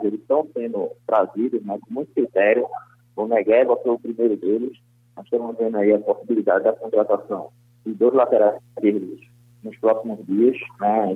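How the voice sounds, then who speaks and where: A man, a football club director, giving a phone interview on sports radio over a landline phone, speaking in a measured, formal way with frequent fillers. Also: fairly low pitch, husky, no echo. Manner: measured, formal, fills pauses with "né" and "aí". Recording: tinny phone line, dry.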